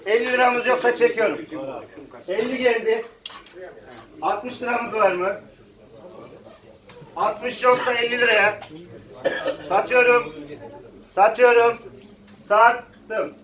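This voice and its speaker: A man's voice: very high voice, steady tone, slow, long pauses, pushed and bright. A man working as a live auctioneer, calling out bids in repetitive, chanted phrases. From Turkey, Konya region. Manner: repetitive chanted bid calls. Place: echoey auction room with audience. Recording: echoey hall, distant mic, crowd chatter.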